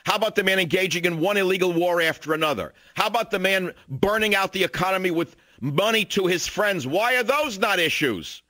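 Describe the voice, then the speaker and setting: An older male radio host in full indignant rant. His voice sits slightly high and leaps all over the place as he hammers his points. The sound is dry and close on the studio mic. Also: expressive, fairly quick, hardly any pauses, bright, forceful tone, no echo. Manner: indignant, combative ranting. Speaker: radio talk show host. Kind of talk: talk radio monologue and call-in.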